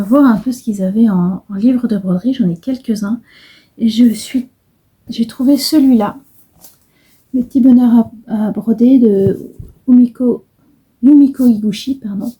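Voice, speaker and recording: A middle-aged woman talks casually to her camera about her handwork, wandering from one thought to the next with frequent pauses and restarts. Her voice is very dark and mellow, slightly high, with a breathy edge. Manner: rambling, hesitant, many fillers and restarts. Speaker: embroidery vlogger. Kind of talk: casual vlog chat.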